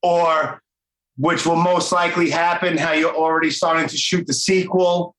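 The recording is roomy and echoing, with a podcast host of middling pitch speaking in a Brooklyn accent. The talk is casual and unscripted, with phrases often doubled up in an informal way. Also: level tone, normal speed, a bit bright. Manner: informal, repeats words and phrases. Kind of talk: casual, off-the-cuff interview chat.

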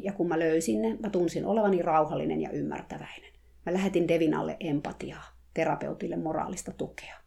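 A woman reading a first-person story aloud in a calm, measured way. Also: sits low, creaky. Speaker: narrator.

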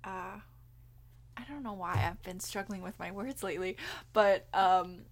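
This young adult podcast co-host speaks Cantonese as her first language and keeps things chatty, giggly, and sprinkled with casual swearing. Her medium-pitched voice is gravelly and a little slow, with slight background noise.

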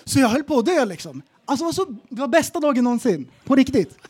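A man with a very high voice tells comic stories on a casual podcast. He talks in an animated way and acts out the people in his stories. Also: slightly rough. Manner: animated storyteller, acts out quotes. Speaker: podcast co-host. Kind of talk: casual comedic podcast chat.

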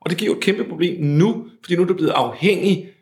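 A man's voice: high voice, a little mellow. A man coaching a client, talking bluntly and pushing back on her. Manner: blunt, challenging. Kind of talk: coaching conversation. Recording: roomy echo.

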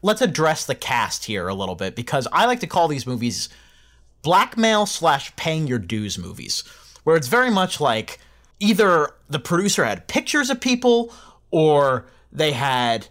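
A man co-hosting a film podcast, giving opinionated, animated reviews in a casual chat. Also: on the high side, measured pace. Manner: opinionated, animated, laughs often. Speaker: podcast co-host.

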